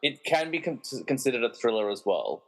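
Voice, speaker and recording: Poor audio captures a slightly rough, medium-pitched male voice with big pitch swings and a fairly quick pace. He narrates a scripted comic podcast radio play and hosts its quiz with casual, tongue-in-cheek banter.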